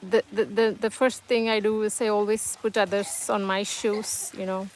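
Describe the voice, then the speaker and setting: In her relaxed home livestream, a woman who grew up speaking Tamil reads comments aloud and chats with viewers, often restarting and using fillers while sounding hesitant but reassuring. She speaks at a moderate pace in a mid-range voice with little pitch movement, over a faint hiss or hum.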